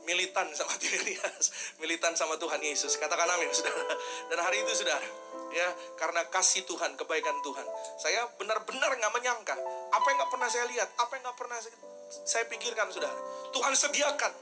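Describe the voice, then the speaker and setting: A man's voice: high-pitched, a little fast, over music. A male pastor telling a story in a sermon, acting out the people in it and turning to the congregation again and again. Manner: animated storytelling, acts out dialogue, addresses the congregation often.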